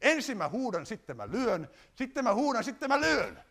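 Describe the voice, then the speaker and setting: A man voicing a comic-strip wife who calmly plots to shout at and hit her husband, in a matter-of-fact comic way. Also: very high voice, gravelly, pitched above the performer's own voice, heavily acted. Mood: scheming.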